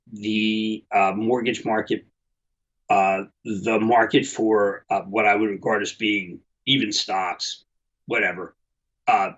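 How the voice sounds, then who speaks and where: A man's voice: mid-range voice, sharp tone, highs cut off. A middle-aged man giving unscripted market commentary, rambling and emphatic with many restarts.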